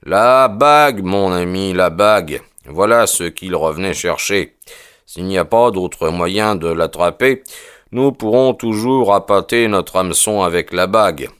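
A man voicing a brilliant, impatient detective with a crisp and commanding way of speaking, in an audiobook. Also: sits low, a little slow, no room sound, clean studio sound. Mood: elated. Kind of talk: audiobook character voice.

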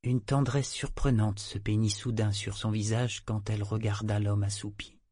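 A man reading a novel aloud as narrator, in a measured, even way. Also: lowish voice, husky, no room sound, studio quality. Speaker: audiobook narrator. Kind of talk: scripted narration.

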